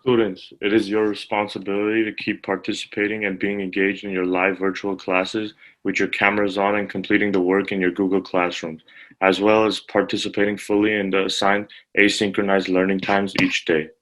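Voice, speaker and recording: Flat, firm school announcement voice. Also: male voice, fairly low pitch, a little fast, poor audio. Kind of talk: read announcement.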